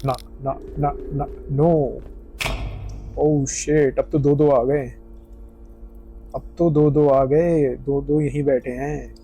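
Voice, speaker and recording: Mellow-voiced excitable man gaming. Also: medium pitch, a little hiss or hum. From India. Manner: excitable, repeats words in quick bursts while fleeing; mixes English gaming slang into Hindi. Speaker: gaming streamer. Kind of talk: casual gameplay commentary.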